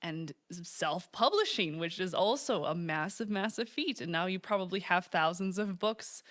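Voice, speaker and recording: Low-voiced woman hosting an interview. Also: lively intonation, normal speed, a bit bright, no room sound, clean studio sound. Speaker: interview host. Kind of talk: casual conversational interview.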